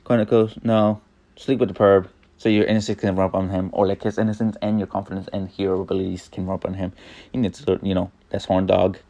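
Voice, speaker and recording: Young man, fan fiction narration, low voice, gravelly, halting, rambling. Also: level tone, mellow. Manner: rambling, halting, many fillers and restarts.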